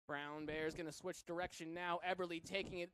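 A man from Massachusetts calling a live rugby match play by play, with energetic delivery that surges to shouts on big runs. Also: fairly high pitch, brisk, background noise. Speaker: play-by-play commentator.

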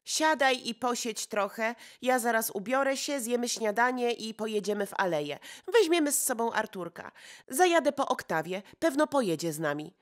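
Excitable gossipy society lady, breathless and exclaiming, voiced by a woman reading an audiobook. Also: a little high, natural voice.

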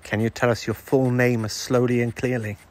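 A man on a ghost hunt, slowly and patiently putting questions to unseen spirits at an old estate ice house. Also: medium pitch, little pitch movement. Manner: slow, coaxing questions to an unseen listener. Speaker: ghost hunter.

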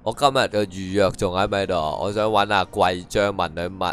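一位帶香港口音嘅年輕男實況主，邊玩遊戲邊用廣東話講解同揶揄對白。. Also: male voice, low-pitched, steady tone, unhurried, fairly bright tone. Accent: Hong Kong Cantonese. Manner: dry, mocking running commentary and translation of dialogue. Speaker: game streamer. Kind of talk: casual gameplay commentary. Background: faint game music.

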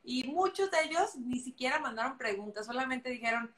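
A woman's voice: high voice, lively intonation, a little fast, a bit bright, reverberant. A woman from Mexico with a Mexican accent, hosting a casual live video chat, playful and enthusiastic, with Mexican slang. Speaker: host. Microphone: video call.

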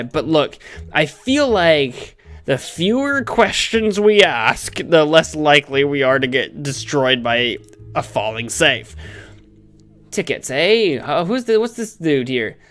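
Goofy guy doing a lets play, very animated, thinking out loud, game music low behind. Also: a little slow. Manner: goofy, musing aloud. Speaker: host, gaming streamer. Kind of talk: playful let's play commentary. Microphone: close desk microphone on webcam stream. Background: faint game music.

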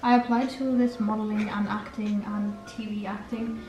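A woman's voice: medium pitch, level tone, normal speed, dark tone. Chatty teen girl in a kitchen. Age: teens. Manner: rambling, chatty, self-correcting. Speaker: vlogger. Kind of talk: casual baking vlog chat. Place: home kitchen, indoors. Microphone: camera across the kitchen. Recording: roomy kitchen echo, distant camera mic, background music.

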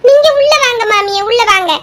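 A woman's voice: very high voice, fairly quick, a bit bright, reverberant, a little hiss or hum. A woman with a Kanyakumari Tamil accent playing a sly young daughter-in-law who sweet-talks her mother-in-law in a comedy skit. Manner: sugary and fussing.

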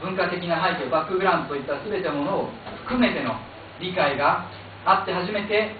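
A middle-aged Japanese man moderating a panel in a small meeting room, switching between Japanese and halting English with many fillers. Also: high voice. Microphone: stand mic, filmed from far camera. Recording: echoey, distant, phone-like hiss.

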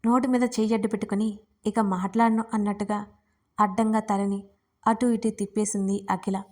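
A woman narrating her own romance serial as a storyteller, in a steady, expressive reading. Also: mid-range voice, fairly quick. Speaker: storyteller and writer. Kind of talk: scripted romance audiobook narration.

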